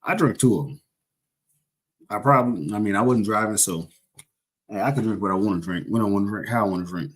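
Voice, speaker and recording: A man's voice: lowish voice, brisk, long pauses, slightly rough. A young man casually chatting on a livestream, rambling and joking as he corrects himself mid-sentence. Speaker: livestream host.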